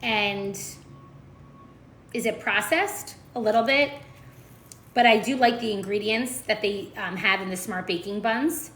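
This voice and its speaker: A woman's voice: medium pitch, unhurried, pauses often, a bit bright, reverberant, a little hiss or hum. A woman chatting casually to viewers during a live stream as she makes breakfast in her kitchen, full of fillers and asides. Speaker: food and nutrition creator. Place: home kitchen.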